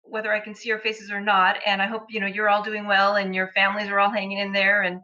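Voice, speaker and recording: A woman's bright voice comes through a dull, crackly phone line that keeps breaking up. She introduces herself to a remote meeting haltingly, with frequent ums and restarts. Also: mid-range voice, monotone. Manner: hesitant, full of ums and restarts. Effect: crackly phone line cutting in and out. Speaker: speaker at a remote business meeting.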